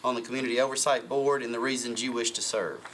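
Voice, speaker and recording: A man's voice: medium pitch, steady tone, fast, a bit bright, slight background noise, low-quality recording. A man on a council committee courteously reading out interview questions.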